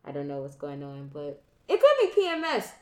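A woman's voice: low-pitched, huge pitch swings, brisk, a little mellow. A woman hosting a casual podcast, playful and slangy, her voice muffled behind a face mask while she has a runny nose and sniffles. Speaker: podcast host. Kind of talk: casual group banter. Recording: roomy, echoing room sound.

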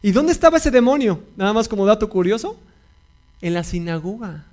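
A man's voice: high voice, brisk, a little mellow. A male pastor preaching a sermon, repeating key phrases and putting questions to his congregation.

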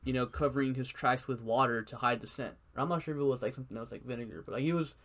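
A man's voice: medium pitch, steady tone, fast talker, fairly bright tone. A man rambling in casual chat, full of filler words and swearing.

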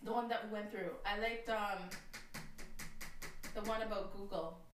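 A woman's voice: mid-range voice, steady tone, moderate pace, faint music behind. A woman co-hosting a podcast in casual chat, laughing often as she talks. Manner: giggly, laughs often mid-sentence. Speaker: podcast co-host. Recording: echoey room, distant mic.

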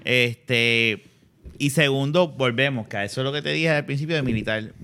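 Blunt puerto rican guy talking straight in a casual podcast chat, mid pitch. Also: moderate pace, noisy background. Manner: blunt, plain-spoken.

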